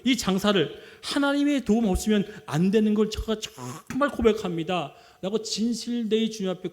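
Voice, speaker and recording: Male pastor, high and lively voice, fervent call-and-response sermon that swings from loud cries to low asides. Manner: animated preaching, rhetorical questions, call-and-response with the congregation. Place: church sanctuary.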